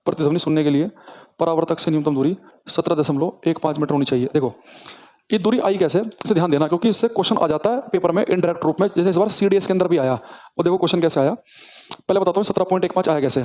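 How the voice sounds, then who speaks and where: Fast-talking male physics teacher. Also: a little high, a little mellow. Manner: repeats key phrases slowly for dictation, addresses students directly. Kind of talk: physics lesson with dictation.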